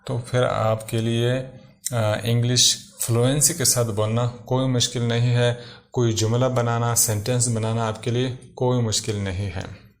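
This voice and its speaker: A man's voice: medium pitch, flat delivery. Patient male teacher repeating vocabulary words. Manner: slow, repeats each English word then gives its meaning. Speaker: English teacher. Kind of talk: vocabulary lesson.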